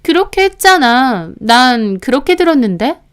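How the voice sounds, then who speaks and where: A woman's voice: sits high, sing-song, moderate pace, voice pushed up. A woman voicing a smug older sister-in-law who needles and denies.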